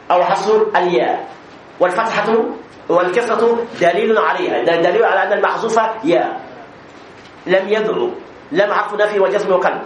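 High-voiced man teaching grammar, echoey room. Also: slight background noise. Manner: explains step by step, checks students understand. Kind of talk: classroom grammar lesson.

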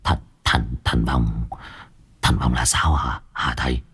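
A man's voice: a bass voice, fairly even intonation, a little slow, fairly bright tone, breathy edge, pitched below the performer's own voice, full character voice. A man voicing a wealthy old village chief who stammers and wails pleas in fear. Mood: anxious.

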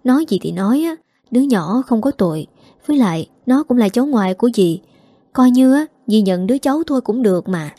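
Narrator doing a soft coaxing young woman friend, higher pitch. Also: animated, brisk, no room sound, studio quality. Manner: soft coaxing, hushed pleading.

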